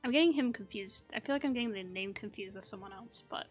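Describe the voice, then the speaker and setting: A woman's voice: medium pitch, fast, breathy edge, faint music behind. A woman casually commenting while playing a video game, playful and giggly with joking asides, game audio behind her. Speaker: gaming streamer. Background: game soundtrack.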